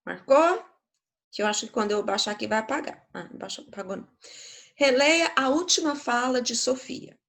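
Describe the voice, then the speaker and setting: A woman's voice: a little high, brisk, a bit bright. A woman teacher with a Brazilian Portuguese accent, giving a grammar lesson to schoolchildren in a patient, explanatory way, often checking in with the class.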